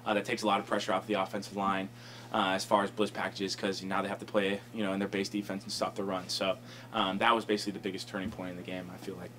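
This young man has a low, bright, forceful voice that barely moves in pitch, recorded with slight background noise. A college football lineman, he answers reporters at a table microphone in an indoor press conference room after the game. He rushes through rambling replies loaded with fillers such as "um" and "you know."

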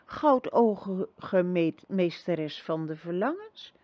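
A woman's voice: high-pitched, very animated, slow pace, dry recording, highs cut off, pitched above the performer's own voice, full character voice. A woman voicing a brave young boy hero who stammers and pleads in bewildered outbursts, reading a storybook aloud.

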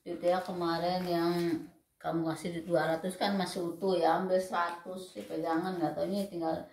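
A woman's voice: lowish voice, flat delivery, normal speed, darkish tone, roomy sound. A woman chatting casually with her husband at home, plain-spoken and complaining. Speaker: wife in a family vlog. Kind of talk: casual family banter.

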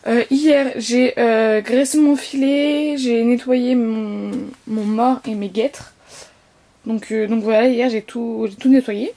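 A teenage girl vlogging casually at home, rambling with lots of fillers and restarts, her voice slightly hoarse. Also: fairly high pitch, fairly even intonation, takes it slowly, warm tone. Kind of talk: casual vlog chat.

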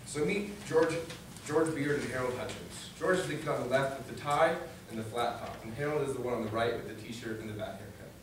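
A young adult man, the student government vice president, is a guest reader sharing a children's book with an audience in a medium-sized library meeting room. His voice is medium in pitch and a little fast. A distant camera aimed at the podium captures him, so the sound is far off, echoey, and noisy.

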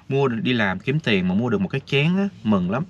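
With a sing-song, mid-range voice at normal speed, a male vlogger outdoors rambles chattily and addresses his viewers head-on. The audio is dull and lo-fi, carrying faint noise.

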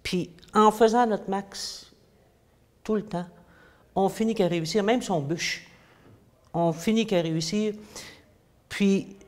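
A woman's voice: mid-range voice, takes it slowly, pauses often, darkish tone. A woman in her fifties with a Quebec French accent, a teacher answering interview questions in a small room, hesitant with many fillers. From grew up in the United States, then Quebec. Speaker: English teacher. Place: indoors, small room against a plain wall.

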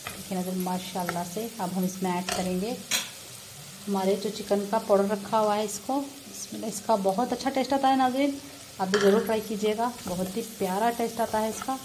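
Brisk and steady, her medium-pitched voice carries over background noise as she cooks beside a frying stove at home. The vlogger's tutorial is friendly and conversational, full of greetings to viewers and religious blessings.

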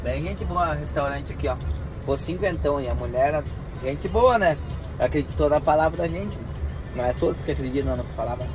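A man's voice: fairly high pitch, a little fast, over loud music. A man with a Gaúcho Brazilian accent, a truck driver chatting casually to his viewers from the cab. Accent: Gaúcho Brazilian Portuguese. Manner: chatty, folksy, addresses viewers as gurizada. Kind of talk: casual vlog chat to viewers. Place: inside a truck cab on the road. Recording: loud road and engine noise.

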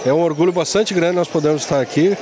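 A man in his forties speaks proudly and formally in a fairly high voice. He talks into a handheld mic outdoors at night, with clear background noise. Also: quick pace. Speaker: university press official. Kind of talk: interview statement. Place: outdoors at a book fair at night. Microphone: handheld reporter mic.

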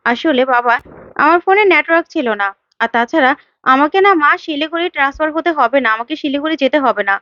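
A woman's voice: high voice, fast talker, bright, forceful tone, dry recording, lo-fi sound. A woman voicing an evasive young woman reassuring her parents. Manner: evasive, soothing.

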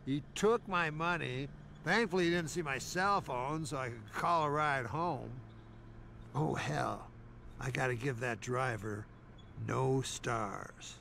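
A man voicing a crude, sleazy male pigeon in a cartoon series, telling his story in a flat, deadpan, vulgar way. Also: mid-range voice, slow, vocal fry, slight background noise. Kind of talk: animated TV series voice acting.

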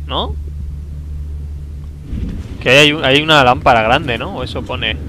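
A man from commentating a video game he is playing, talking to himself, with a sore throat, excitable and prone to loud outbursts. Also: medium pitch, slow, slight background noise, rough recording. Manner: excitable, talks to himself, bursts into loud exclamations. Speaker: gameplay commentator. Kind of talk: let's play commentary.

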